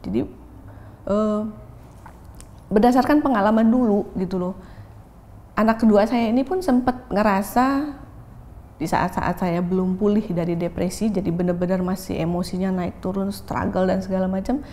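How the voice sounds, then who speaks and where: A woman's voice: mid-range voice, normal speed, pauses often, a little mellow. A woman, a pastor telling her own story openly in an interview, often dropping English phrases into her talk. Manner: open, reflective, switches into English phrases. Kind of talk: candid interview testimony.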